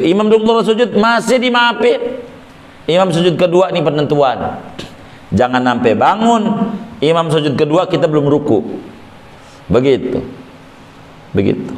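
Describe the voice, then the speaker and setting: A man teaching a weekly religious law lesson in a lively, joking way, acting out worshippers. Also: a little high. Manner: lively, jokey, acts out worshippers. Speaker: Islamic teacher. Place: prayer room. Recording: echoey prayer room.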